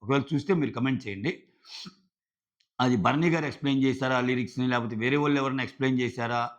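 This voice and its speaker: A man's voice: mid-range voice, very fast, dull audio. A man giving a casual review of a reality show episode, acting out the contestants' lines as he goes. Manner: animated, acts out contestants' lines in quotes.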